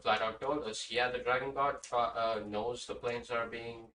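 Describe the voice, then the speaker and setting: A man playing in a tabletop game, summing up the story in a halting way with many pauses. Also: mid-range voice, fairly even intonation, sharp tone. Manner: halting, full of "uh"s. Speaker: player. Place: room at a live-streamed game table. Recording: roomy sound, distant mic, faint hiss.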